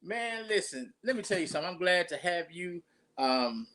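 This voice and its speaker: A man's voice: sits high, lively intonation, moderate pace, bright, forceful tone, slight background noise. A pastor, talking casually and rambling through his introduction of a guest with many restarts.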